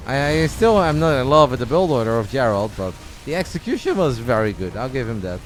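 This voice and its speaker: A man casting a strategy game match alone, giving chatty, excitable play-by-play that speeds up and slows down with the action. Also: mid-range voice, a little hiss or hum. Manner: chatty, excitable, says mate and guys. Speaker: esports caster. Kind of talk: solo play-by-play commentary. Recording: game music clearly behind the voice.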